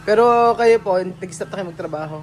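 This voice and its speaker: Male vlogger host, playful and eager, peppers his guest with quick questions. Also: high-pitched, a little mellow, a little hiss or hum. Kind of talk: casual vlog interview.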